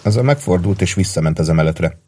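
A man reading a novel aloud as an audiobook narrator, in a steady, even way. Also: low voice, slightly rough. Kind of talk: scripted narration.

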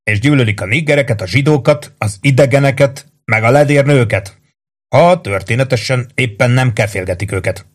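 A man's voice: mid-range voice, lightly acted. A man voicing a sly, boisterous army sergeant who mocks and needles his friend over drinks. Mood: mocking. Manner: mocking, needling.

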